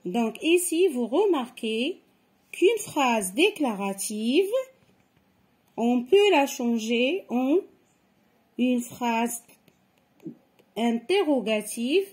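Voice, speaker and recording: A woman's voice: a little high, big pitch swings, extremely slow, pauses often, darkish tone. A woman teaching a grammar lesson to children, explaining patiently and step by step. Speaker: French teacher.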